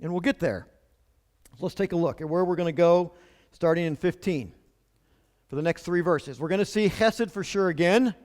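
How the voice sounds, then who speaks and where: A man's voice: sits high, normal speed, pauses often, a little mellow, long reverb tail. A man preaching a sermon as pastor, in a conversational way with rhetorical questions.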